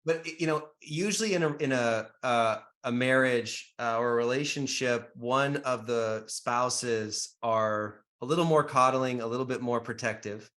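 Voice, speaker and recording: Halting man telling a podcast story. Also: mid-range voice, a bit bright. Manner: halting, restarts often, laughs easily. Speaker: podcast co-host. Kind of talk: casual podcast chat, storytelling.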